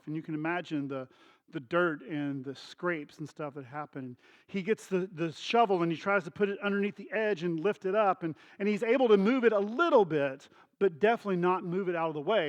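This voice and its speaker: A middle-aged pastor delivers his sermon in a high voice. He talks to the congregation casually and acts out scenes with voices and sound effects. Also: dull audio. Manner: storytelling with acted dialogue and sound effects; conversational, addresses congregation directly.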